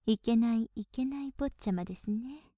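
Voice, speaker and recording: Whispered role-play: young woman voicing a polite, teasing maid, slightly high, warm tone, dry close mic. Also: moderate pace, no room sound, natural voice. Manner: polite, softly teasing, with breathy giggles.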